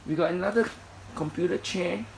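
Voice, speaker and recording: A man's voice: high voice, a little fast, vocal fry, a little hiss or hum, rough recording. A man walks through an indoor storage unit, filming on a handheld phone and listing its contents plainly, with many fillers. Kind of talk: walkthrough commentary. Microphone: phone camera held in hand.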